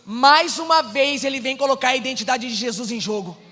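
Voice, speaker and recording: Brazilian male pastor, high bright voice, sermon with testimony, echoing church hall. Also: fairly quick. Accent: Brazilian Portuguese. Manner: swings from hushed storytelling to shouted exhortation.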